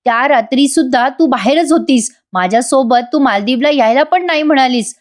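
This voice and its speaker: A woman's voice: high-pitched, fairly quick, close to an everyday voice. A woman reading the lines of an angry young husband scolding his wife for lying. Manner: reproachful, interrogating.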